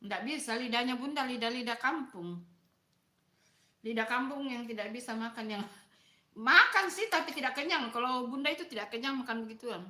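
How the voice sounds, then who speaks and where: A middle-aged Makassar Indonesian-accented woman eats and chats casually on a live stream, asking her audience things and answering their comments. She speaks at a normal speed in a slightly high, expressive voice with a sharp tone, and the room sounds roomy.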